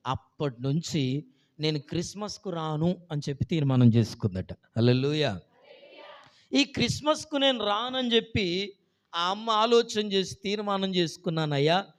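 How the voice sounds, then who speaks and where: A male pastor telling a story in a Christmas sermon, acting out the characters' lines and breaking into loud hallelujahs. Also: medium pitch. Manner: animated, punctuated by loud hallelujahs.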